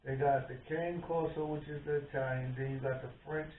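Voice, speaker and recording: A man tells stories as a podcast co-host, acting out every quote. His voice sits a little high. It sounds boomy and tinny, as if picked up across an echoing room. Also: fairly quick, slight background noise. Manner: animated storyteller, acts out quotes. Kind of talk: casual chat. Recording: echoey room, tinny phone-like sound, from far off.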